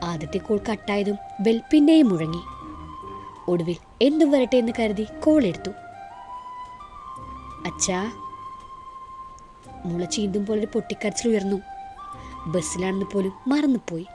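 Woman reading a love story aloud, gentle and emotional, faint music behind. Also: medium pitch. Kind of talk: scripted audio-novel narration. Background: faint background music.

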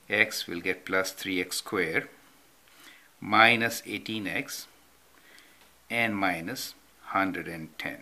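The off-camera voice in this whiteboard math tutorial belongs to a man with a fairly low, bright and forceful tone. As he writes over handwritten notes, he works through the problem step by step, repeatedly asking "right?".

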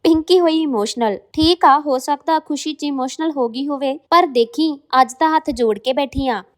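Brief: woman roaster, high voice, sarcastic and mocking delivery. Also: moderate pace. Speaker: roast video host. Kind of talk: scripted roast commentary.

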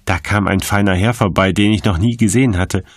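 A man voicing a desperate, defiant male prisoner who shouts and pleads in a raised, strained voice. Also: fairly low pitch, fairly even intonation, a little fast, no room sound, studio quality. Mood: pleading.

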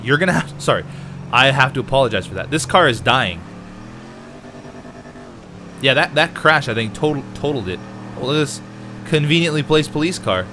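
Noisy background surrounds this man's mid-range voice as he chats through gameplay at a normal speed, pausing often. He's a let's play host, chatty, excitable and talking to viewers, though a cold leaves him a bit nasal.

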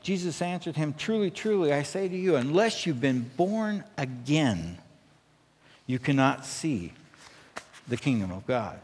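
With a highish, darkish, breathy voice, a middle-aged American pastor preaches at a measured pace but with great animation, earnest and emphatic, repeatedly checking in with listeners. He speaks from the pulpit on an indoor church stage, and his words ring through an echoey hall with long reverb.

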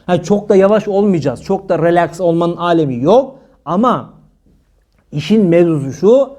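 High-voiced, warm-toned preacher. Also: male voice. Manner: humorous, teasing the audience between teachings. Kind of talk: religious talk to a live audience.

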